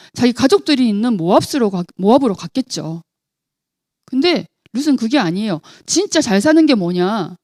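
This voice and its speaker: Woman children's pastor, storytelling sermon, higher voice with lively swings, dry close sound. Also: no echo. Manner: animated, asks children questions.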